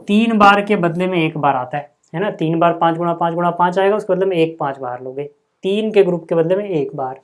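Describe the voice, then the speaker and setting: A man's voice: a little high, fairly quick. A man teaching a maths lesson in a casual classroom way, explaining step by step and often checking in with the students. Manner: chatty, repeats "ठीक है", calls viewers "भाई" and "यार".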